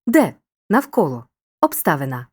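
Lively, encouraging woman teaching a lesson. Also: sits low, moderate pace. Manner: clear, upbeat, encouraging teacher tone. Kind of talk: scripted educational narration.

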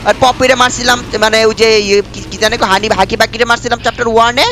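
A man's voice: very high voice, fairly even intonation, quick pace, noisy background. A young man giving chatty let's-play commentary with a sore throat from a cold, repeating himself and calling viewers brother. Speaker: gameplay streamer.

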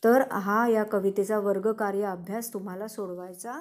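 A woman teacher, patiently explaining a lesson to children and repeating instructions slowly. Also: mid-range voice, steady tone. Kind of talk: online class lesson for children.

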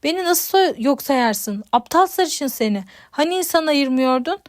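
A woman voicing a shrill, scolding old woman in a fur coat in an audiobook. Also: animated, normal speed, no room sound, studio quality. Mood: indignant.

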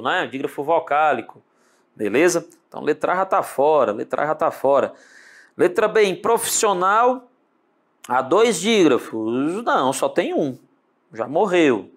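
Lively, animated Brazilian man teaching. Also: on the high side. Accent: Brazilian Portuguese. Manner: animated, talks to the student directly with lots of tag questions; drawls words out slowly when spelling them. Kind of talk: online exam-prep lesson.

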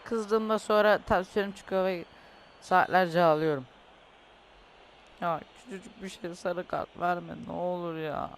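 A man's voice: sits high, steady tone, unhurried, a little hiss or hum. A young man commentating his own football video game, ranting and complaining with lots of swearing. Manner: frustrated, swears often, rants and complains. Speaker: gaming youtuber.

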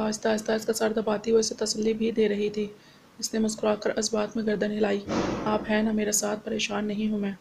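Woman narrating in a flat, level tone. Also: medium pitch, creaky, slight background noise. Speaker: audiobook narrator. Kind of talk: scripted novel narration.

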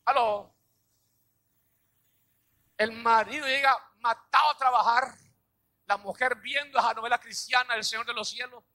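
A male pastor preaching a sermon, dramatic, acting out little scenes and shouting key lines. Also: very high-pitched, steady tone, unhurried, pauses often.

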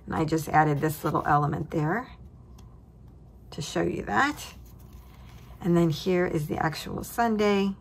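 Slow, low-voiced woman crafting host. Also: creaky, breathy edge. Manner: cheerful, chuckles at her own remarks. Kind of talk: relaxed crafting walkthrough. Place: tabletop craft desk, indoors.

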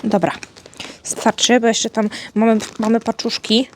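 A woman's voice: on the high side, little pitch movement, unhurried, darkish tone, slight background noise. A woman chatting playfully with her dog while opening his birthday presents, coaxing him in a sweet pet-talk way. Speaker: vlogger, dog owner. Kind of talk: casual chat to her dog. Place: indoors at home with her dog.

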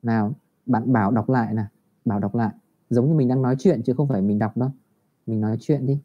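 Male teacher over a video call, patient and encouraging with young pupils, drawing out English phrases slowly, muffled sound. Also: mid-range voice, steady tone. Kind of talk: online English lesson for primary children. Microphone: computer mic on a video call. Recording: dull lo-fi video call audio.

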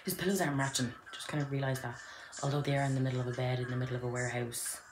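Speaking in an extremely low pitch at a racing pace, this young woman from Ireland keeps her tone steady over background noise. She's a YouTuber at home indoors, giving playful, casual reaction commentary with whispered asides.

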